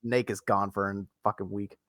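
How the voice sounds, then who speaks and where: A man's voice: on the low side, level tone, normal speed, fairly bright tone, no room sound, clean studio sound. A man chatting informally as a tabletop game player, swearing casually as he goes. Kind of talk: casual chat.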